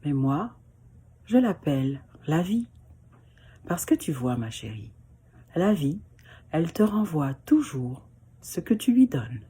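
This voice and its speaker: A woman voicing a gentle, soft-spoken father. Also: low voice, very animated, takes it slowly, pauses often, husky, full character voice. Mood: tender. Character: gentle, calm father explaining to his daughter.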